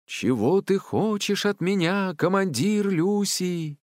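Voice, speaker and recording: A man voicing a forest spirit that speaks slowly in a booming, theatrical voice. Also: expressive, a little mellow, no echo, clean studio sound.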